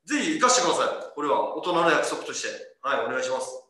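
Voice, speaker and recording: A man's voice: a little high, animated, quick pace, sharp tone. A man in his thirties hosting a casual livestream, reading viewer comments aloud, laughing often and joking about himself. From Kagoshima, Japan. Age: 30s. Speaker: club ambassador host. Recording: echoey room.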